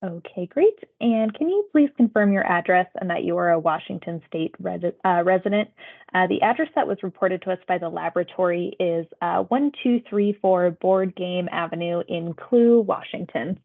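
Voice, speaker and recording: A woman doing phone interviews for public health asks survey questions in a polite, procedural, conversational way. Her voice is on the low side and her pace moderate. The audio is tinny, like a phone line.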